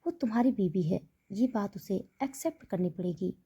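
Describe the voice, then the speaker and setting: A woman's voice: mid-range voice, lively intonation, normal speed, dark tone, slightly rough. A woman voicing a stern, domineering wealthy mother who speaks in a firm, commanding way.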